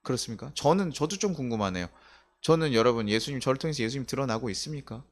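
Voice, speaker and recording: Male pastor, 30s, mid-pitched, preaches to his congregation in a chatty sermon, quizzes them and acts out little voices. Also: lively intonation, fast. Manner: conversational, asks the congregation questions, acts out quoted voices. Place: church sanctuary.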